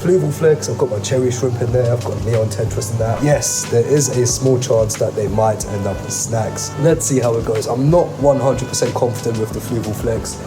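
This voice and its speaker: A man's voice: mid-range voice, moderate pace, few pauses. Casting: male vlog host, mid-range voice, colloquial and keen, addresses the audience directly, music underneath. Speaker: host of an aquarium hobby channel. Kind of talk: enthusiastic casual vlog narration.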